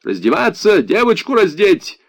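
A man reading aloud voices a harsh German soldier who shouts curt orders. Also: high voice, huge pitch swings, moderate pace, no echo, lo-fi sound, pitched above the performer's own voice, full character voice. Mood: barking orders.

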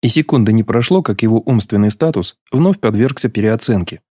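A man reading a novel aloud as an audiobook narrator, in a measured, even storytelling manner. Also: on the low side, slightly rough, no echo, studio quality. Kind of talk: scripted literary narration.

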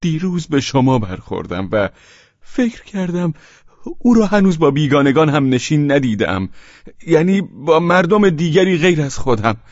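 A man voicing an anxious, fawning middle-aged man who pleads and stammers in a raised, wavering voice. The tone is husky and dry. The recording has a dull, lo-fi sound. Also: animated, a little mellow, dry recording. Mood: effusive. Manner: pleading, stammering and high-strung.

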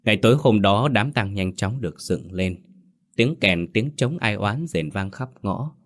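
A man giving scripted horror narration in a measured, somber way. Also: fairly low pitch, expressive. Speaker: storyteller.

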